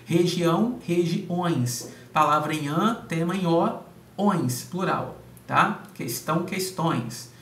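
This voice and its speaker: A man's voice: on the high side, slow, a bit bright. A man teaching grammar, going through exam answers step by step and often checking in with his students. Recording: echoey room, distant mic, faint hum.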